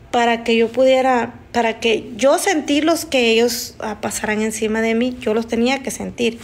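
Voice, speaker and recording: A woman on a live stream telling a frightening personal story in a halting, emotional way, often restarting her sentences. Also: a little high. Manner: halting, emotional, with frequent restarts and nervous laughs. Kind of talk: casual spoken storytelling.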